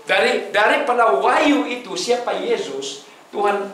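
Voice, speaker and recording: A man's voice: sits high, sing-song, normal speed, fairly bright tone, a little hiss or hum. A male preacher, giving an emphatic sermon and questioning his congregation. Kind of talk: sermon mixing Malay and English. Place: church hall. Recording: echoey hall, voice from far off.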